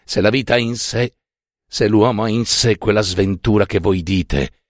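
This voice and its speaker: A man's voice: medium pitch, dry recording, studio quality, natural voice. A man voicing an indignant young male professor who scolds and mocks with emphatic reproach.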